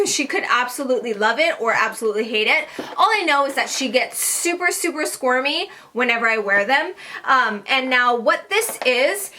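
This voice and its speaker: Woman vlogger, casual to-camera chat, slightly breathless, crisp bright tone, rambling with fillers. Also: high-pitched. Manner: chatty, lots of fillers and restarts. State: short of breath.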